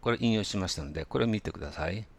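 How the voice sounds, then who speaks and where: A man gives a relaxed pronunciation lesson in a very deep voice full of vocal fry. He hesitates often with fillers, then slows right down to model phrases for listeners to repeat. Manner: hesitant, many fillers, slow drilled demonstrations. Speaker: English pronunciation teacher.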